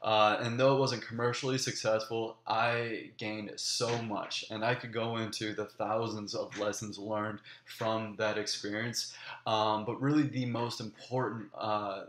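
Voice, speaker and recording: A young man in graduate school giving an earnest video application pitch, often pausing with ums and restarting his sentences. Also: little pitch movement, a bit bright, echoey room, a little hiss or hum.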